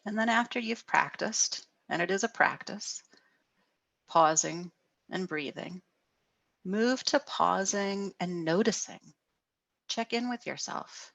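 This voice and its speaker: A middle-aged woman counselor giving a gentle guided wellness talk over a video call, often asking "right?". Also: fairly low pitch, vocal fry, no echo. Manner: gentle, frequent "right?" tags.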